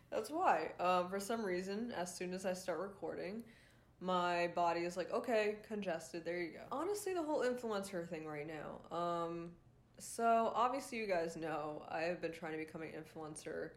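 A young woman from Rhode Island rants casually on her own podcast, frustrated and swearing often, with plenty of fillers. Her lowish voice sounds nasal and congested, with lively intonation at a normal pace.

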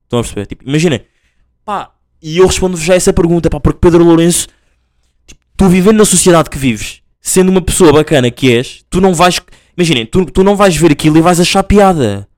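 A man's voice: on the high side, animated, fast, a little mellow, no echo. A young man from Portugal, hosting a casual solo podcast and rambling through stories with lots of fillers and restarts. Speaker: podcast host.

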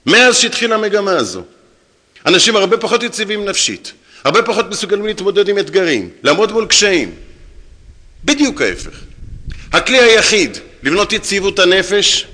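A rabbi giving a lecture to an audience, telling stories and acting out the dialogue himself. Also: male voice, sits high. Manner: animated storyteller acting out quoted dialogue. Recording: long hall reverb.

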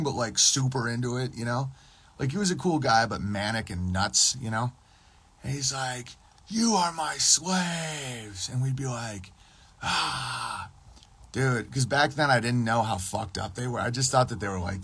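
A man's voice: fairly low pitch, a bit bright, breathy edge. A man streaming a casual, rambling monologue, often profane and losing his train of thought. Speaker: podcast streamer.

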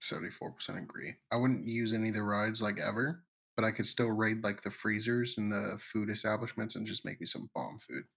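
A man's voice: lowish voice, a little fast, creaky, fairly bright tone, husky. A man co-hosting a podcast in casual chat, laid-back, crude and joking. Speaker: podcast co-host.

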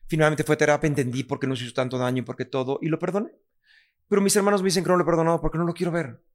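This podcast guest is a man with a Mexican accent whose slightly high voice keeps a steady tone while he talks very fast. It's a frank conversation where he's blunt, curses a lot, and performs other people's lines.

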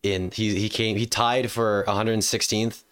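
A young man with a deep voice and a cold, hosting a casual gaming podcast that is streamed live. He rambles, with many fillers and restarts. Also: flat delivery, measured pace, a bit bright, clear, resonant tone. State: sick with a cold. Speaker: podcast host.

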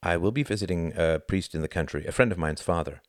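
A man reading an audiobook and voicing a reserved young Englishman in a calm, understated way. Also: sits low, quick pace, no echo, studio quality, lightly acted. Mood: wry.

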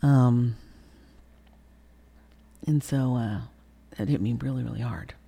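Brief: middle-aged woman, mellow gravelly tone, candid interview guest, emotional, swears, acts out quotes. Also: extremely low pitch, slow. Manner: emotional, profane, re-enacts quotes with sudden loud bursts.

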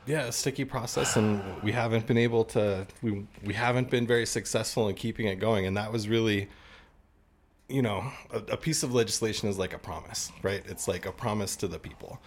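A man's voice: lowish voice, a little fast, slight background noise. A man talking as a podcast guest, earnestly explaining policy in a casual chat and laughing at himself now and then. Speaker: podcast guest, cannabis trade group representative.

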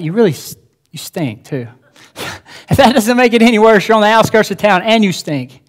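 A male pastor preaching a sermon in a church, earnest and emphatic, repeating his key phrases. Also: high-pitched.

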